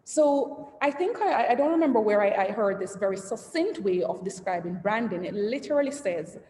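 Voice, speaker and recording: Speaking at a moderate pace in a mellow, expressive, mid-range voice, this woman CEO leads a branding talk online for entrepreneurs. Her style is chatty: she quizzes listeners, reads out chat messages, and tails off lists with "et cetera." The sound is reverberant and spacious, with a little noise underneath.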